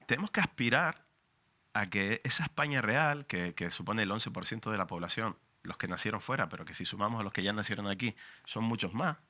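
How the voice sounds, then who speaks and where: Canarian journalist, forties, passionate panel speaker, sharp bright tone, lowish voice. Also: male voice, lively intonation, fairly quick. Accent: Canarian Spanish. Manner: passionate, emphatic, frank and profane. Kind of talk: public talk at a book presentation.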